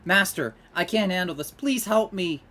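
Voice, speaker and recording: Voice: mid-range voice, normal speed, bright, forceful tone, voice pushed up, lightly acted. A gamer voicing a snobby young woman who dramatically pleads for help in a whiny tone. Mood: pleading.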